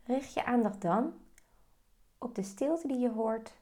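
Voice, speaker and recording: A woman guiding a meditation, giving slow, calm, soft-spoken instructions. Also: on the high side. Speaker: meditation guide. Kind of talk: guided meditation.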